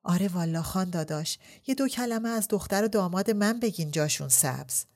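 A woman's voice: mid-range voice, lively intonation, darkish tone, voice pushed up, natural voice. A woman voicing a chatty, anxious middle-aged sister who tries to make peace, pleading in homely exclamations in a storybook reading. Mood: pleading, coaxing.

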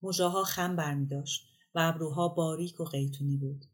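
Woman reading a short story out loud, low voice, calm and measured, audiobook feel. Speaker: story reader. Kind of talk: audiobook narration.

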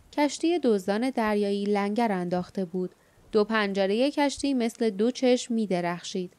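A woman narrating an audiobook in a measured, steady reading. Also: medium pitch, smooth. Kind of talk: scripted narration.

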